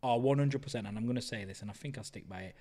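A man's voice: medium pitch, racing, warm tone. A man co-hosting a podcast, chatting in an easygoing, talkative way. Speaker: podcast co-host. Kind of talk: casual chat.

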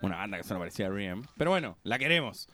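A young Chilean man co-hosting a morning radio show, playful in quick banter. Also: fairly low pitch, sing-song, fairly bright tone, faint music behind. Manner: playful, quick back-and-forth. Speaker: radio co-host.

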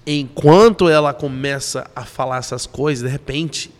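A young man, a podcast guest, telling stories in a casual, animated way and acting out the voices in them. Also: mid-range voice, normal speed. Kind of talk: casual storytelling. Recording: long hall reverb.

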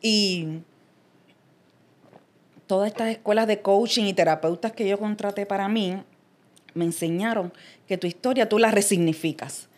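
A middle-aged woman from Cuba, a transpersonal coach and guest, talking in a casual interview and telling her story with lively asides and laughter. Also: medium pitch, moderate pace, long pauses. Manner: animated storytelling, acts out quoted voices, laughs often.

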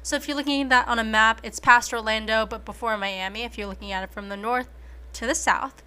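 A woman's voice: a little high, fairly even intonation, fairly quick, pushed and bright, smooth. A young woman in her twenties, from the United States, hosting a casual podcast interview in an upbeat, chatty way. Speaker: podcast host.

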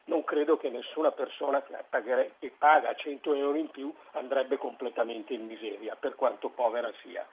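Husky male radio caller on a phone line. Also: medium pitch, steady tone, moderate pace, hardly any pauses. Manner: restarts and corrects himself while working through sums. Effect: listener calling in over a phone line. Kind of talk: phone-in call to a radio talk show. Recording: tinny phone line on air.

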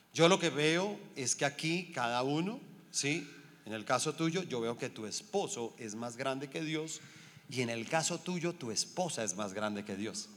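A man's voice: a little high, fairly bright tone, big-room sound. A man preaching a sermon in a conversational way, often checking whether his listeners follow him.

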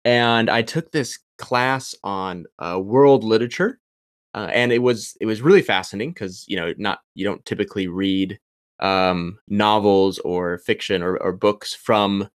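Speaking on the low side at a measured pace, the young man is a PhD candidate chatting casually as a podcast guest. His thoughtful answers come with frequent ums and restarts. Clean studio audio, free of room sound.

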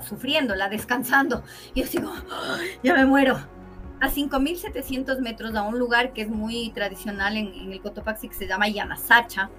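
Rich: A woman tells a story as an interview guest. Her voice is high and bright, and she acts out the voices she quotes with vivid exclamations. Soft music plays faintly behind her.

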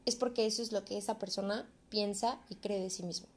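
A woman's voice: mid-range voice, fairly even intonation, fairly quick. A young adult woman with a Mexican accent, talking in an earnest, encouraging, casual way in a reflective vlog monologue. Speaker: vlogger.

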